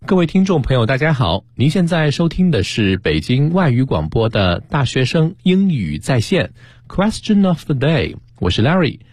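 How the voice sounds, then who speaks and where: A man's voice: mid-range voice, moderate pace, breathy edge, dry recording, studio quality. A man hosting a radio English-learning show, chatting with a guest teacher and affirming her points. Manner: lively, affirming interjections. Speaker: radio host. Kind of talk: radio English lesson chat. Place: radio studio. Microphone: studio microphone.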